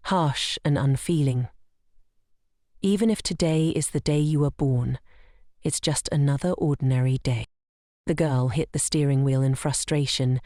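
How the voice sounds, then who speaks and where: Mellow woman narrating a comic recap. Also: deep voice, dry recording, clean studio sound. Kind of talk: scripted story narration.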